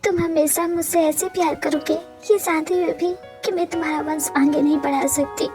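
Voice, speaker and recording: A woman's voice: high-pitched, steady tone, moderate pace, music in the background, close to an everyday voice. A woman voicing a grieving young wife in a fan audio drama, tearful and pleading.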